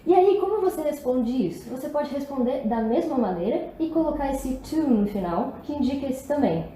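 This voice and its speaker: A woman's voice: sits high, lively intonation, normal speed, mellow. A woman with a Brazilian Portuguese accent teaching an English lesson in a chatty, upbeat way, full of rhetorical questions. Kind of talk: casual video lesson. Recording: echoey room, faint background noise.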